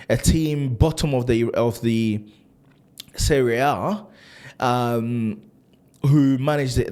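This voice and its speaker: Frustrated football fan ranting to camera. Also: male voice, mid-range voice. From Italy. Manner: animated, frustrated, lots of restarts and rhetorical questions. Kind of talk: casual opinion rant to camera.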